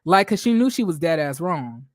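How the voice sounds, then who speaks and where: A man's voice: on the high side, sing-song, normal speed, no room sound, studio quality. A man hosting a livestream recap of a reality show, reading viewer comments and answering in a blunt, sassy, profane way with many rhetorical questions.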